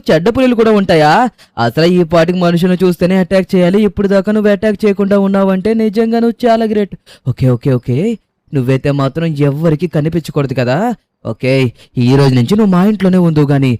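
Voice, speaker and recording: Fast-talking man narrating a game story. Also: sits high, no room sound, clean studio sound. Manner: lively, talks fast to the viewers and the characters. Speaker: host and narrator. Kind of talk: gameplay story voice-over.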